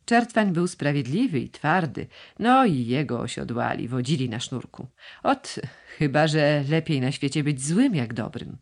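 A man's voice: fairly high pitch, expressive, unhurried. A man doing a grumbling, gloomy old servant. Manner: grumbling, mournful.

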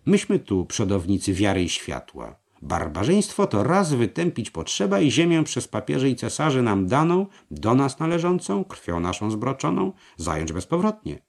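A man's voice: medium pitch, huge pitch swings, normal speed, vocal fry, few pauses, darkish tone, voice pushed up, full character voice. A man voicing a zealous, scheming crusader knight who preaches with fervour. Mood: fervent. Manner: preaching, fervent.

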